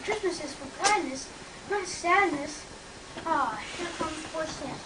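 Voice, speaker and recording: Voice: sits high, expressive, reverberant. A young performer playing a bossy, practical elf helper in an amateur Christmas stage play, recorded on noisy tape from far off. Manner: bossy, hurried.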